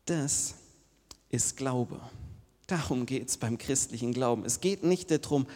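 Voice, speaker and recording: A man's voice: mid-range voice, takes it slowly. Man preaching casually in a reverberant hall. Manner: casual storytelling preaching with sudden loud and whispered turns. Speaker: pastor. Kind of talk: sermon. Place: church hall.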